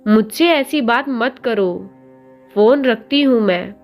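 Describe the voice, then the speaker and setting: A woman's voice: a little high, slow, faint music behind. A woman voicing a hurt young wife who answers curtly and with exasperation in a storybook reading. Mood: angry. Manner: sharp, curt, exasperated.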